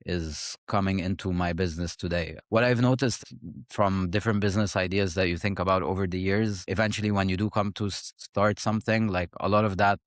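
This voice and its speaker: Deep-voiced reflective man from Egypt. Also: fairly even intonation, brisk, no room sound, clean studio sound. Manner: reflective, thoughtful, with frequent fillers and restarts. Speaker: guest, startup founder. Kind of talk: conversational interview answers.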